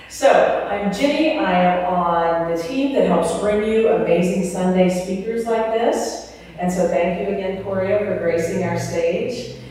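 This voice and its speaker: A woman's voice: medium pitch, darkish tone. A woman giving casual, upbeat announcements to a congregation in a chatty, informal way. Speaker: announcements host, speaker team member. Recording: echoey hall from far off.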